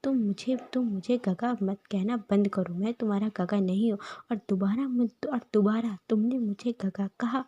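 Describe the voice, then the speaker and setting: Storybook figure: angry teenage boy, curt and harsh, read by a woman with a husky voice. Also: medium pitch, normal speed, few pauses, warm tone, muffled recording, lightly acted.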